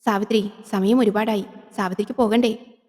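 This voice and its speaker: A woman's voice: medium pitch, steady tone, moderate pace, darkish tone, close to an everyday voice. A woman plays a simple, timid village man who speaks fearfully and hesitantly in a horror audio drama. A long hall reverb trails each line. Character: timid, simple-hearted male village servant.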